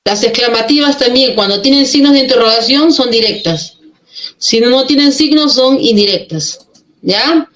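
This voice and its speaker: Woman teacher, higher voice, step-by-step grammar explanations with check-in questions, echoey room sound. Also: animated, normal speed, fairly bright tone. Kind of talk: classroom grammar lesson.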